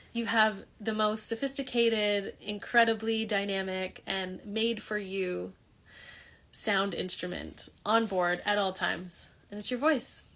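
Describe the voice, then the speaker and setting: A woman with a mid-range, fairly bright voice hosts a holistic wellness talk, casually chatting to her viewers about yoga. She rambles and restarts often in this loose monologue.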